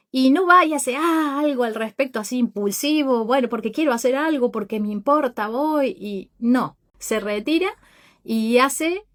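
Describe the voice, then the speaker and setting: Higher-voiced woman telling a reflective story. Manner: thoughtful, unhurried storytelling that addresses listeners directly. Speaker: podcast host. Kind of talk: reflective podcast monologue retelling a Bible story.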